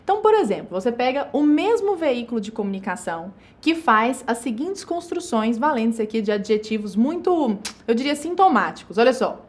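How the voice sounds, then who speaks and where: A woman teaching a recorded online grammar lesson, explaining step by step and slowing down to stress each example. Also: on the high side, sing-song. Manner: explanatory, stresses words slowly and spells out examples.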